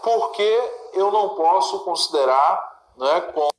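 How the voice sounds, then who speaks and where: A man's voice: sits high, expressive, a little slow. Man teaching, echoey room. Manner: asks and answers his own questions, checks in with the listener. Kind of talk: recorded exam-prep lesson.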